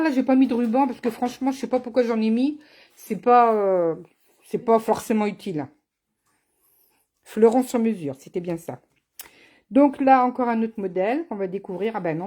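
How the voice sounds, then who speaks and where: A woman's voice: a little high, a little fast, mellow. A woman running a live card-making tutorial as a craft demonstrator, chatty and teasing, speaking to viewers by name. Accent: has an accent, not named.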